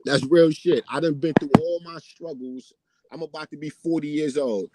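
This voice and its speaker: A man's voice: on the high side, fairly even intonation, normal speed, heavy background noise. A man in his late thirties rants bluntly and casually, swearing often and tagging nearly every point with "right?". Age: 30s. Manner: profane, repeats himself when pressed. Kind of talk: casual ranting monologue.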